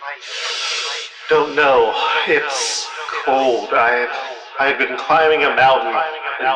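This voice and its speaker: A man as game master voicing a lost, freezing ghost that calls through a tube. He speaks in a halting, confused stammer, and a digital echo effect sits on the voice. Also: medium pitch, fairly even intonation, far from the mic, crowd noise. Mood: frightened, confused.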